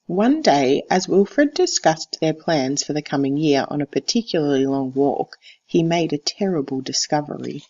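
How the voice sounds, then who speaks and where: Reading a picture book to her class, the teacher tells the story deliberately and expressively in a mid-range voice, captured on a somewhat dull recording.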